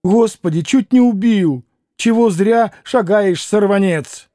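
Storybook cameo: a man doing a fussy old servant woman, higher than his own voice, dry close read. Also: takes it slowly, dark tone, no room sound. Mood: grumbling. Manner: querulous, folksy address.

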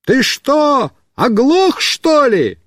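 A man voicing a frightened young boy who yells in alarm while he is stuck riding in circles in a storybook reading. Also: extremely high pitch, extremely slow, no echo, clean studio sound, voice pushed up, full character voice. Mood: panicked, yelling. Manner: yelling in alarm. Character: panicked young boy stuck on a runaway bike.

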